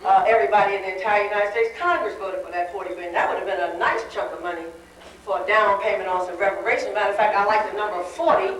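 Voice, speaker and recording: A woman delivers a wry, conversational dinner speech, preserved on a worn VHS copy with tape hiss and an echoey hall that makes her sound far off. Her medium-pitched voice is fairly bright and she talks fast.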